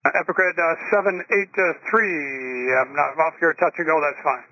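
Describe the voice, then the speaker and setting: A man working as an air traffic controller, giving insistent, somewhat halting instructions to pilots over the radio. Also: on the high side, dry recording. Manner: insistent, halting with repeated starts. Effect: radio transmission. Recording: dry, muffled radio transmission.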